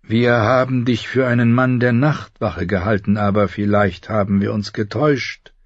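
A man voicing a calm, grave old maester in an audiobook. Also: on the low side, normal speed, dry recording, lightly acted. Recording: slightly dull recording.

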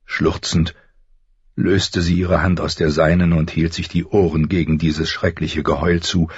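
A man narrating an audiobook in a measured, even storytelling manner. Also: a bass voice, slightly rough, no echo, muffled recording.

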